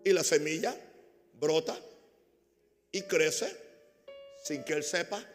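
High-voiced man preaching in a hall. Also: animated, slow pace, soft background music. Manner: preaching with call-and-response to the congregation; swings between loud emphatic bursts and quiet asides. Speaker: pastor. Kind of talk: sermon.

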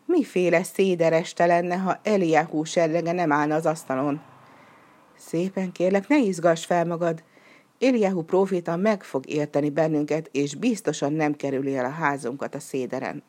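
A woman's voice: low voice, dark tone. A woman voicing a poor, pious old man who speaks meekly and with resignation in a storybook reading. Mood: pleading. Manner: meek, resigned.

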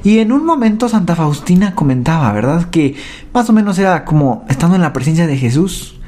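A man with a Mexican accent tells his faith testimony in a warm, dark-toned voice. He speaks haltingly, restarting phrases and tagging his sentences with a quick question. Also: a little high. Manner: halting, often adds "¿verdad?" and repeats words.

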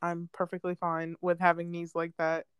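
A woman's voice: lowish voice, completely flat delivery, normal speed, smooth, no echo, clean studio sound. A young woman co-hosting a casual chat in a laid-back, teasing way. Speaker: podcast co-host.

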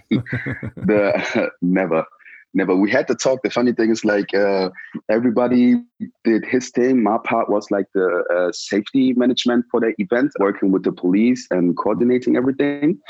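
Low-voiced Ghanaian-born man, slangy and relaxed. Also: dry recording, highs cut off. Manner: relaxed, slangy, many "like" and "yo" fillers. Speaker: protest organizer. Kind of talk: casual interview answers.

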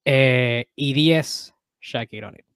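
A man co-hosting a casual sports debate podcast, talking in animated quick bursts and correcting himself as he goes. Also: medium pitch, smooth, dry recording, studio quality. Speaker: podcast co-host.

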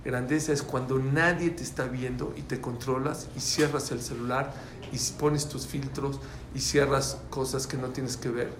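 A man's voice: medium pitch, steady tone, normal speed. A man teaching a religious class to students, speaking emphatically, repeating key phrases and putting questions to the class. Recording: echoey room with faint background noise.

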